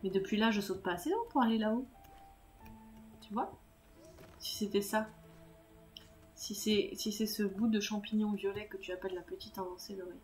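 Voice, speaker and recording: A woman's voice: medium pitch, normal speed, long pauses, a little mellow. Woman streaming a game and talking to chat, laughs at herself a lot, faint music under her. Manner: self-mocking, talks to chat, laughs often. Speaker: live streamer. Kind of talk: casual live-stream chat while gaming.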